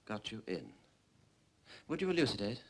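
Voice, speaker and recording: An actor playing a combative naval prosecutor, sarcastic and quarrelsome. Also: male voice, fairly low pitch, sing-song, normal speed, a little hiss or hum. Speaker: prosecuting officer.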